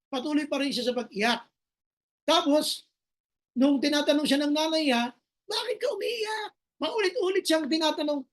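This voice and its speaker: A Filipino woman pastor delivers a sermon in a notably high voice. She moves between Tagalog and English, slows down for scripture and lightens things with funny everyday stories. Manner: mixes Tagalog and English, reads scripture slowly, tells humorous anecdotes.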